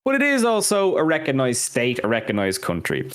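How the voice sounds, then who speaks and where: With a medium pitch that swoops wildly and a fairly quick pace, this man co-hosts a podcast on music history, chatting through his scripted notes and poking fun at how he mispronounces things. His tone is fairly bright, and there's slight background noise. Irish and English are his first languages.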